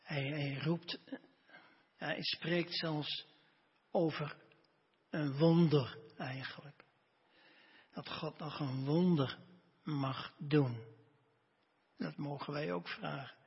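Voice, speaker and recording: A man delivers a sermon in a breathy, very husky voice pitched a little high. He speaks slowly and deliberately, leaning emphatically into the scripture he reads. The sound is dull and lo-fi, with a long reverb trailing off in a large hall. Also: fairly even intonation. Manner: slow, earnest, emphatic scripture reading. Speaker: preacher. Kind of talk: sermon with Bible reading.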